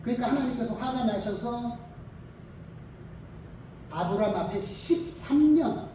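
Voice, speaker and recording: A preacher telling a Bible story in a lively, conversational sermon style, speaking in a church. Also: mid-range voice, very echoey, far from the mic, a little hiss or hum, poor audio.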